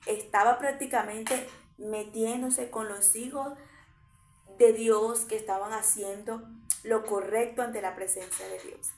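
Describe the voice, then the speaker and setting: A woman's voice: fairly high pitch, darkish tone. A woman preaching a sermon with fervent, rising emphasis. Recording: echoey room.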